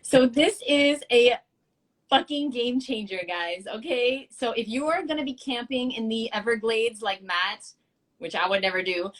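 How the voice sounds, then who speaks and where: A woman in her thirties hosting a casual live-stream chat, excitable and quick to laugh, swearing casually. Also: a little high. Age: 30s. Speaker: show host.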